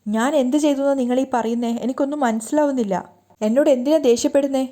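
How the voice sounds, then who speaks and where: A woman's voice: sits high, quick pace, warm tone, close to an everyday voice. A woman voicing a frightened young wife who pleads and defends herself, upset. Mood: pleading.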